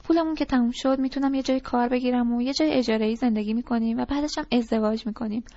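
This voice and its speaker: A woman's voice: fairly high pitch, fairly even intonation, dark tone, lightly acted. A woman voicing a disgruntled teenage boy who rambles through complaints and pleads eagerly, in an audiobook reading. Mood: eager, pleading. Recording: dull lo-fi recording.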